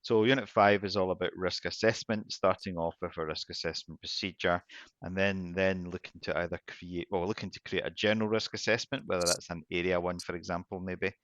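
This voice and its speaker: A man's voice: sits low, fairly even intonation, brisk, a bit bright, no room sound, muffled recording. A man interviewing a candidate about training courses, chatty and rambling as he asks his questions. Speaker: assessor interviewer. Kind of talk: conversational interview.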